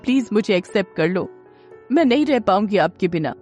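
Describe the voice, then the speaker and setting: An emotional young woman in love speaks in a choked, pleading voice, as a woman narrator puts her on. She sits a little higher than the narration. Soft music plays beneath her. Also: lively intonation, brisk, natural voice. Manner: pleading, tearful.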